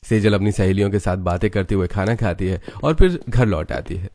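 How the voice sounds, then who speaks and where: A man narrating a family cartoon story in a scripted, even storytelling style. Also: low voice, brisk.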